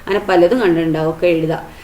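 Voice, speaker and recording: A woman's voice: lowish voice, steady tone, quick pace, warm tone. A woman teacher explaining a storybook lesson to children, rephrasing each line and asking questions. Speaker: school teacher. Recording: roomy echo.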